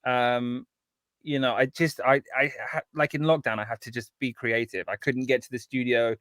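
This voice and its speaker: A man's voice: medium pitch, moderate pace, no echo, studio quality. A man from England, a guest composer, chatting casually and rambling with lots of ums. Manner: relaxed, rambling, full of ums. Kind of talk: casual chat.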